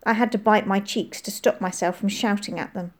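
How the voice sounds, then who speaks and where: A woman narrating a children's story in a measured, clear storytelling manner. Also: medium pitch, steady tone. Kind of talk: storybook reading.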